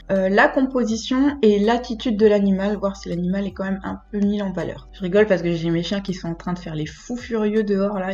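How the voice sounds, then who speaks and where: High-pitched woman with a hoarse smoker's rasp. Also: darkish tone, highs cut off. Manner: informal, chatty, direct address to viewers. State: hoarse, recovering from illness. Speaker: host of an animal photography channel. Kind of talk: casual video commentary.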